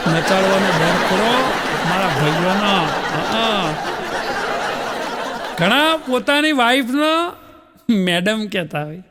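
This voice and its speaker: A man's voice: sits high, a bit bright. A man with a Gujarati accent telling folksy stand-up jokes, acting out husbands and wives in raised voices. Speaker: stand-up comedian. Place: stage before a laughing audience. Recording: long hall reverb.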